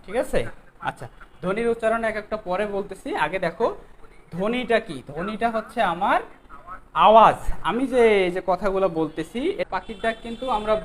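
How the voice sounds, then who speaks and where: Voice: medium pitch, brisk, slight background noise, low-quality recording. A teacher giving an exam-prep grammar lesson online. The teacher keeps asking the listeners questions and checking that they have followed. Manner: quizzes students, keeps asking "okay?".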